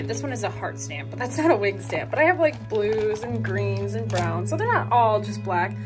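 A young woman in her twenties chatting casually and rambling cheerfully in a vlog, filmed on a phone in her bathroom and parked car. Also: fairly high pitch. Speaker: vlogger.

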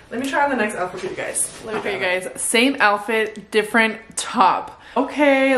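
A woman's voice: mid-range voice, a little hiss or hum. A young adult woman doing a casual try-on haul to camera, bubbly and chatty, constantly addressing her viewers. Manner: bubbly and chatty, says "you guys" constantly. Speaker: fashion vlogger. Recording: echoey room.

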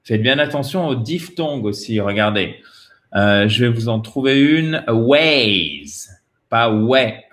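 A man's voice: mid-range voice, expressive, fairly bright tone. A man teaching English pronunciation in French, drilling each model word several times and checking in with "ok?". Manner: slow, repeats model words many times; often ends points with a checking "ok?". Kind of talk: French-language pronunciation lesson.

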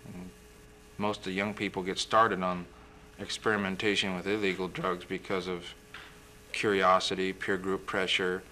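A young man, a physician guest in a TV studio interview, explaining in a measured way and clearing his throat now and then. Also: deep voice, flat delivery, sharp tone, slight background noise. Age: young adult. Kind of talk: interview answers.

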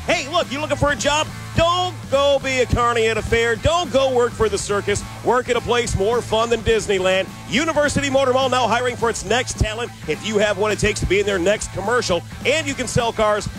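A man's voice: high-pitched, fairly quick, hardly any pauses, music in the background, rough recording. A man hosting a live radio remote, talking in an upbeat, hard-selling announcer manner. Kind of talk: radio promo patter.

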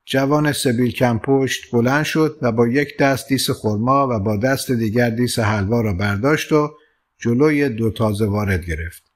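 A male audiobook narrator telling a literary story in a calm, measured way. His voice sits at an ordinary middle pitch for a man, and his pacing stays steady and unhurried. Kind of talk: scripted narration.

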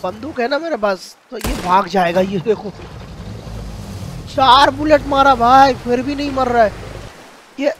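A high-voiced man with a Hindi-speaking Indian accent commentates his gameplay live, excitable and chatty as he calls out to viewers. Game sounds and ambience run clearly behind him. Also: moderate pace, a little hiss or hum. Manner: excitable, addresses viewers as guys.

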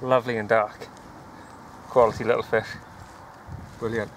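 Wind noise runs through this rough recording of a man with a lowish, fairly flat voice talking at normal speed. He's an angler filming his day of fishing from a grassy bank by a lake, keeping up a cheerful, casual commentary and talking with a young boy, the handheld camera sometimes at arm's length.

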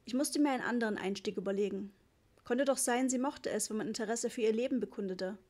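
A woman narrating a children's audiobook in a lively storytelling manner. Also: on the high side, quick pace. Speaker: audiobook reader.

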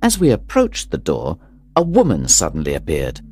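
Deep-voiced man narrating a story. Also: moderate pace. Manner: steady, clear storytelling. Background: soft music.

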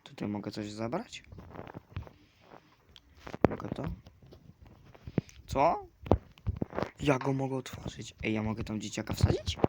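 A man commentating a video game, chatting to the game characters with sudden loud outbursts. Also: fairly low pitch, normal speed, pauses often. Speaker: gamer. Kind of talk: let's play commentary. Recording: clear clicking noise behind.

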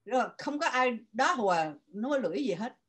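A woman's voice: fairly high pitch, animated, brisk, a bit bright, slightly rough. An older woman from Vietnam with a Southern Vietnamese accent, telling her story animatedly as an interview guest and switching between Vietnamese and English. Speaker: guest writer.

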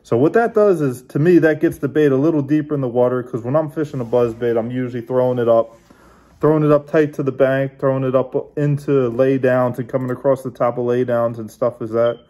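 A man hosting his own fishing channel, casually showing how he bends and adjusts a lure while he talks, in a relaxed hands-on way. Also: medium pitch, a little fast. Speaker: bass angler, channel host.

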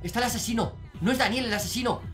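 Speaking very fast and at a very high pitch, a young man from Spain narrates a let's-play for his gaming channel over faint music. He's excitable and frequently yells out exclamations.

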